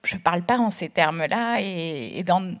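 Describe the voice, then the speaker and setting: A woman's voice: lowish voice, lively intonation, normal speed. A woman moderating a panel discussion, friendly and informal, with some hesitation.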